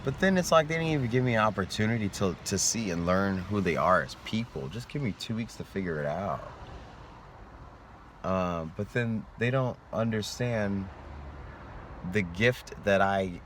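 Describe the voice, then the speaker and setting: Male vlogger, low voice, tired and yawning, earnest and rambling; noisy outdoor street recording. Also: expressive, moderate pace, a bit bright. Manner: rambling, earnest, sometimes trailing off. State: sleepy, yawning. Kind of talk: reflective vlog monologue.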